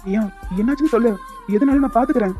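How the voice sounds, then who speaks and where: A woman's voice: on the high side, very fast, mellow, lightly acted. A woman voicing a protective young man who questions firmly and reassures in a cartoon. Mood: demanding. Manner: firm, questioning. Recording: dull lo-fi with music behind.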